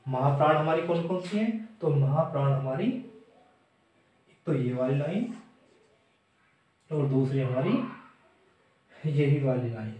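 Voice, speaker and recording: A man teaching a blackboard grammar lesson, slowly repeating and sounding out letters aloud, in a classroom. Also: mid-range voice, darkish tone, recorded from a distance. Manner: slow, repetitive, demonstrating sounds aloud. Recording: echoey room, voice from the mic.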